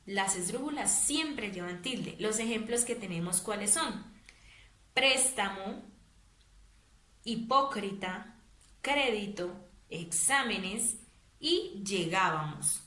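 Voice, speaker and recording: A woman's voice: medium pitch, animated, takes it slowly, pushed and bright. A woman teacher giving a patient grammar lesson for young pupils, often checking in with short tag questions. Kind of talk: classroom grammar explanation. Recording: echoey room.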